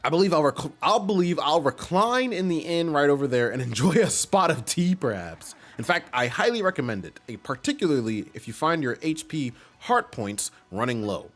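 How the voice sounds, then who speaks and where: A man's voice: a little high, animated, moderate pace, few pauses, fairly bright tone, soft background music, pitched above the performer's own voice. A man doing a throaty, pompous old butler. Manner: pompous, genteel. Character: fussy old male mushroom butler.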